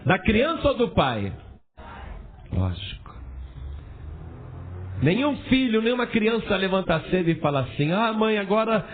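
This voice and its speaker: A man preaching a sermon as a pastor, animated and asking his congregation rhetorical questions. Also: high voice, measured pace, pauses often, slight background noise. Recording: tinny phone-like sound.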